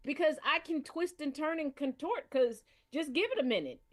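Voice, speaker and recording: Playful woman on a podcast bragging and teasing, high and bouncy voice. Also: lively intonation, moderate pace. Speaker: podcast co-host. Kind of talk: casual chat.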